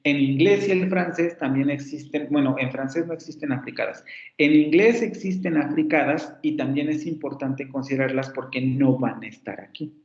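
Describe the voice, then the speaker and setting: Speaking in a fairly high, slightly mellow voice with a Mexican Spanish accent, a phonetics professor takes his class through the lesson step by step, repeating example words slowly. The sound is roomy and dull, typical of a lo-fi classroom recording.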